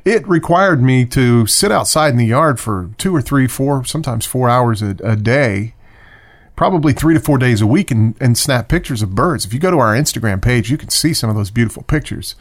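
A man's voice: medium pitch, lively intonation, normal speed. A man hosting a casual birding podcast, talking in a rambling, chatty way with self-corrections and short rants. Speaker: podcast host. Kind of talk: casual solo podcast talk.

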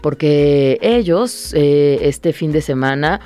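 A woman's voice: deep voice, expressive, slow, dark tone. A woman with a Mexican accent hosting a radio show, bantering playfully and interviewing guests. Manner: playful, laughs easily, bantering. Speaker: radio host. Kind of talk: casual radio chat.

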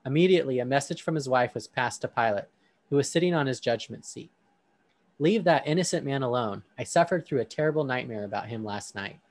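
A podcast host, a man with a mid-range voice, talks briskly and casually with plenty of ums before reading a Bible passage aloud. There's no room sound on the recording.

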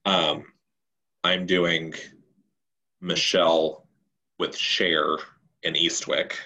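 A man's voice: low-pitched, level tone, very slow, bright, forceful tone, muffled recording. A man co-hosting a casual podcast chat, explaining a movie-trivia game in a chatty way. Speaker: podcast co-host.

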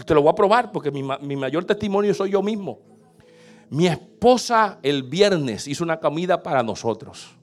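A man pastor preaching a sermon, telling a homey story and building up to fervent shouting. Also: a little high, moderate pace, faint music behind. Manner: animated storytelling, rising to shouts.

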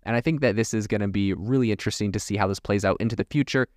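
A man's voice: fairly low pitch, racing, a little mellow, no room sound, clean studio sound. A man hosting a solo podcast, talking casually with many fillers like "like" and "you know". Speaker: podcast host.

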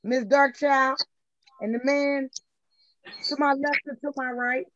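A woman's voice: sits high, fairly even intonation, unhurried, fairly bright tone, no room sound. A woman co-hosting a talk show over a video call, her voice muffled as if heard through a wall, repeating her greetings at an easy pace. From Philadelphia. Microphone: video call mic, covered or set too far. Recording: dull muffled lo-fi call audio with faint hiss.

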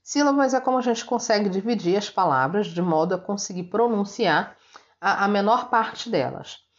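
A woman's voice: mid-range voice, animated, normal speed, lo-fi sound. A woman teacher gives a recorded lesson to her students, patiently spelling out words letter by letter.

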